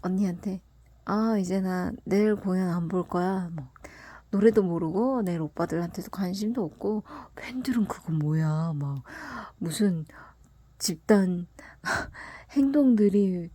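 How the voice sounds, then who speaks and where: Woman telling a story half in a whisper, mellow low-ish voice, dead dry sound. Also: a little slow, dry recording. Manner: soft, half-whispered delivery, laughs often. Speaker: fan telling a personal story. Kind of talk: casual storytelling monologue. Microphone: close mic, voice only.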